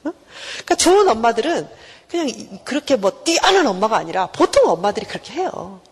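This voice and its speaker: A woman professor giving a university lecture, animated and asking her class rhetorical questions. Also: a little high, fast talker, slightly rough. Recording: reverberant lecture hall.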